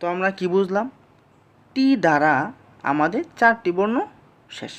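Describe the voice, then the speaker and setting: A teacher giving a slow, patient language lesson, explaining each sound step by step and repeating it back to the class. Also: medium pitch, animated.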